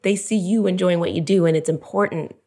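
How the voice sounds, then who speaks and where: Lower-voiced woman podcast host. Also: fairly even intonation, fairly quick. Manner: warm, grateful, laughs often. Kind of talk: podcast conversation.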